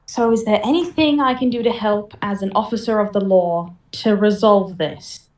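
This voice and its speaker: A woman's voice: mid-range voice, normal speed, a little mellow, natural voice. A woman playing an exasperated female officer of the law in a tabletop role-play, with a firm, officious customer service voice. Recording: roomy, distant microphone.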